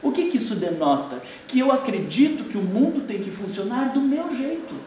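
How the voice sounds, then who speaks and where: A man with a Brazilian accent giving a lively seminar talk as a spiritist lecturer, acting out everyday scenes. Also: extremely high pitch, normal speed. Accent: Brazilian Portuguese. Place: indoor seminar room. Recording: very echoey room from far off, faint noise.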